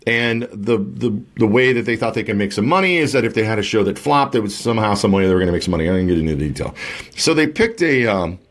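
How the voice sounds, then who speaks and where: A man's voice: fairly low pitch, animated, fast talker. Chatty man hosting a casual live show. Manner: chatty, rambling, jokey. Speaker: podcast and Facebook Live host. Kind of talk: casual chat.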